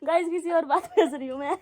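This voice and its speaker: A woman's voice: very high-pitched, moderate pace, mellow. A young woman, casually telling childhood stories to her viewers in a giggly, chatty way. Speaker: vlogger.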